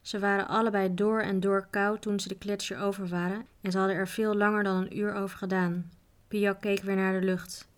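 Woman reading a story in a flat, calm voice. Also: medium pitch, brisk. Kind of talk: reading a children's book aloud.

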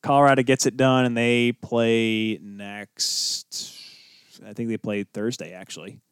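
A man co-hosting a casual hockey podcast, jokey and animated, breaking into mock outrage. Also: medium pitch, a little slow, clean tone, no room sound, clean studio sound. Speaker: podcast co-host.

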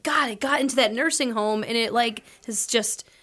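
A woman co-hosting a casual chat, talking in an animated, chatty way. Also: a little high, normal speed. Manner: chatty, animated, laughs often.

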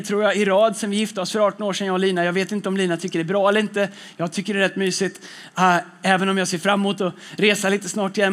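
A middle-aged man preaching a reflective sermon in a calm, repetitive way, often dropping to a hushed, low delivery. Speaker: pastor.

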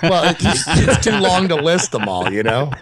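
A man's voice: a little high, very animated, normal speed, slight background noise. A man guest co-hosting a casual podcast, wisecracking and telling crude jokes. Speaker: guest co-host.

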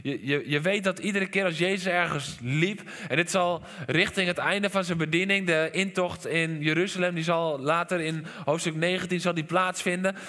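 A Dutch pastor preaches with a bright, forward voice that rings out in a church hall with a long reverb. He is animated, sinks to near-whispered lines, then bursts into a shout. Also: high voice, normal speed, few pauses. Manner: animated preaching, soft drops to quiet lines, sudden shouts. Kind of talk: sermon.

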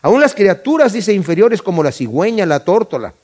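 A man preaching a sermon as pastor, swinging between loud, drawn-out emphasis and quiet asides. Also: high voice, sing-song.

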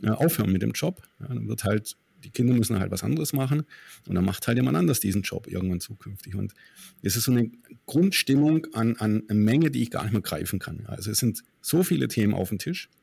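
A man's voice: lowish voice, animated, a little fast, creaky, a little mellow, slightly rough, no echo. A man hosting a podcast interview, asking long, searching questions.

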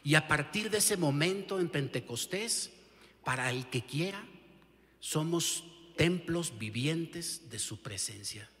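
A male pastor with a Mexican Spanish accent preaches in a fairly high voice at a slow, deliberate pace. He keeps asking the listener rhetorical questions and leans hard on key words. Long hall reverb hangs behind him. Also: expressive, fairly bright tone. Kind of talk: sermon. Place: church sanctuary.

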